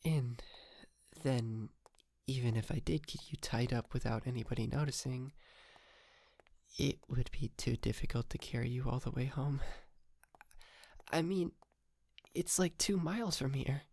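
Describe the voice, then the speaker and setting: In an ASMR roleplay, a man voices a wealthy young yandere kidnapper who is polite and sheepish, speaking softly and hesitantly with stammers and breathy whispers. His voice sits in the mid-range, moving a little slowly with long pauses. The mood is awkward yet polite.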